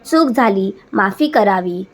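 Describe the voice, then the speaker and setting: A woman's voice: mid-range voice, lively intonation, slow. A woman voicing a frightened young village husband who stammers out apologies in a told folk story. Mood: apologetic.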